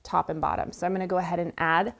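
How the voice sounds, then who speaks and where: Speaking fast in a fairly low, level voice with vocal fry, a quilting show host teaches an indoor sewing tutorial. She's chatty and friendly, walking through the steps as she works despite a cold that has her sniffling.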